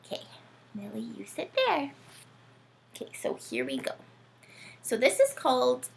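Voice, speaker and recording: This children's read-aloud host is a woman with a high-pitched, very creaky voice who speaks at a measured pace. She's animated and sing-song, reading playfully and chatting with young kids while frequently posing questions to them.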